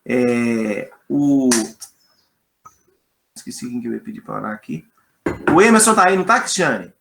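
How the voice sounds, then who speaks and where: A man's voice: medium pitch, very animated, normal speed, vocal fry, a bit bright, slight background noise. A Brazilian man leading a church class online, friendly and informal, stumbling over a list of names. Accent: Brazilian Portuguese. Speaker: Sunday school class leader. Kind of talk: casual online class talk.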